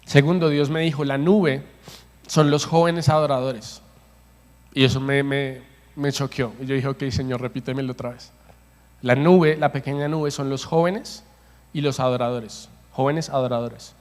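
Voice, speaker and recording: A man's voice: mid-range voice, steady tone, a little slow, a little mellow. A man preaching a passionate sermon as pastor, repeating phrases for emphasis. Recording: long hall reverb.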